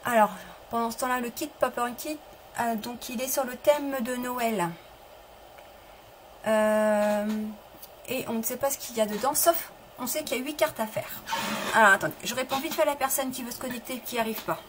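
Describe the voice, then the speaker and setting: A chatty middle-aged woman hosts a live craft tutorial from her home table, her voice sitting a little high. She talks loosely, restarting sentences and answering viewers as she goes. The stream audio carries clear background noise. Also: moderate pace, fairly bright tone, rough recording. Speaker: papercraft demonstrator.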